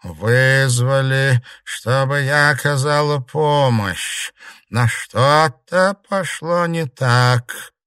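A man voicing the ghost of a vengeful dead old woman, speaking slowly with a hiss. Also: mid-range voice, fairly bright tone, clear, resonant tone, no echo, clean studio sound, voice pushed up. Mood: scheming. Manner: slow, drawn-out, hissing. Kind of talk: audiobook character voice.

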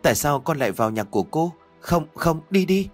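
A man voicing a frightened young woman who shouts at ghost children to go away, her voice rising in fear. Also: medium pitch, expressive, normal speed, husky, faint music behind.

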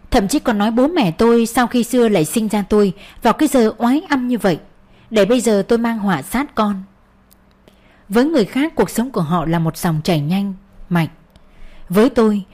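A woman reads a first-person story aloud in an earnest, sorrowful tone. Her voice sits at an ordinary middle pitch. The delivery is a steady storybook narration. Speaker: audiobook narrator.

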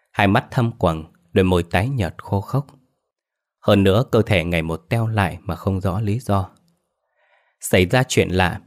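A man narrating a scripted ghost story in a steady, measured way. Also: low-pitched.

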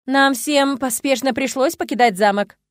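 A woman voicing a playful young man who teases his older brother, raised and slowed for effect. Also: high-pitched, no room sound, clean studio sound, pitched above the performer's own voice, close to an everyday voice. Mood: teasing. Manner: playful, mock-indignant teasing.

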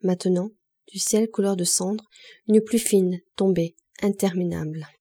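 A woman reading a classic novel aloud as an audiobook narrator, steady and measured. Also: medium pitch, slightly rough.

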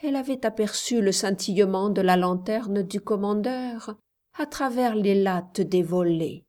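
A woman narrating an audiobook in a measured, calm storytelling voice. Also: medium pitch.

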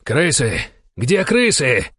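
A man voicing a furious, ruthless count in an audiobook, shouting and snarling. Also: on the high side, huge pitch swings, takes it slowly, husky, no echo, studio quality, voice pushed up, heavily acted.

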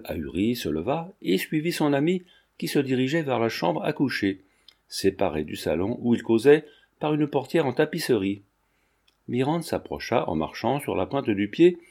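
Guy reading an old novel aloud, measured and steady, soft warm tone. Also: medium pitch. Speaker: audiobook narrator. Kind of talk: scripted narration of a classic novel.

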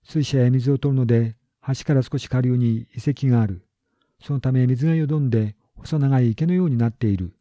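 A man calmly reading a literary story aloud as narrator, in measured, even sentences. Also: mid-range voice, no echo. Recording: dull lo-fi recording.

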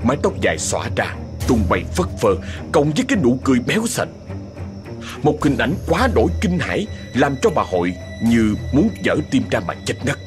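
A man's voice: mid-range voice, fairly quick, music in the background. A man narrating a ghost story dramatically. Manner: dramatic, expressive.

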